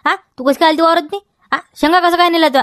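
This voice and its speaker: A woman's voice: very high-pitched, fairly even intonation, rapid-fire, fairly bright tone, no room sound, clean studio sound. A woman with a Vidarbha Marathi accent playing a scolding village farmer who nags and keeps tagging questions onto every line, in a comedy sketch. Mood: accusing. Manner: nagging, repeats demands, keeps tagging "हा?". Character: scolding village farmer man guarding his field.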